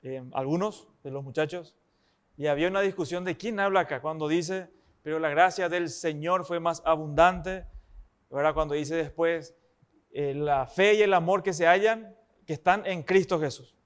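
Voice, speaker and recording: Man as preacher, higher-pitched, emphatic sermon delivery with rhetorical questions. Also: moderate pace, clean tone.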